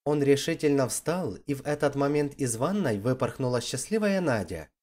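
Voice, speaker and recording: An expressive storybook narrator reading a dramatic tale. The voice moves up and down lively across a wide range, with a steady mid pitch. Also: moderate pace.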